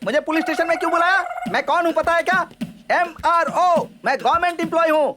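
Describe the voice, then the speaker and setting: A blustering comic clerk. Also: male voice, very high voice, fast talker, noisy background. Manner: blustering, whiny. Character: boastful petty government clerk, cowardly and comic. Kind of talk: Hindi film dubbing.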